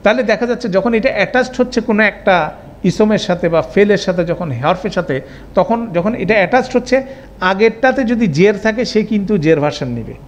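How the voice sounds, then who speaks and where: Man teaching grammar, high-pitched, repeats forms and checks understanding. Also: lively intonation, quick pace, lo-fi sound, slight background noise. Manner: explains step by step, repeats forms, asks checking questions. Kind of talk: online class lecture.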